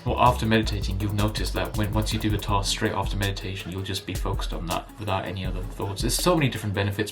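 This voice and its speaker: A young man vlogging from his bedroom at home, talking casually and rambling as he explains what he is doing. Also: lowish voice. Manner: chatty, rambling, explains as he goes. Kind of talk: casual vlog.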